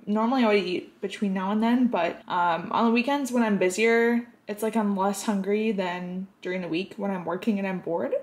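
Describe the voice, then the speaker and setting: A young woman in her twenties chatting casually in a home vlog, rambling with lots of "like" and "um.". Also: mid-range voice. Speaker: lifestyle vlogger. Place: home kitchen and bathroom. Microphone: on-camera mic.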